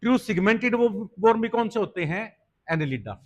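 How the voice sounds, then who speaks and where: A man's voice: sits high, lively intonation, normal speed, highs cut off. A man teaching biology for an entrance exam, asking questions and answering them himself, addressing students as "beta", with science in pronunciation. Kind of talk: exam-prep lecture.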